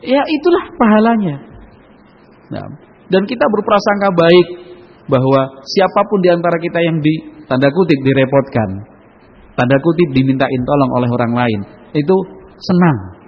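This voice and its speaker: Speaking at a normal speed with long pauses, this man has a slightly high, animated, somewhat rough voice. He's an Islamic preacher giving an informal talk, chatty and asking listeners to agree, with bits of Javanese. The sound is lo-fi and dull, and a hall reverb trails long.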